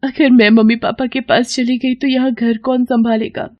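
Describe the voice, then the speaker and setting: Woman voicing meek young wife, gentle, soft, highish, cartoon story. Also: level tone, normal speed, lo-fi sound, close to an everyday voice. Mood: sad. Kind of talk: animated storybook voice acting.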